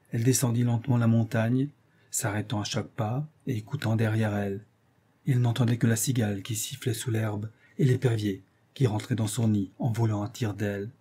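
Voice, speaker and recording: Male audiobook reader, dark husky tone, measured expressive narration of classic literature. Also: medium pitch.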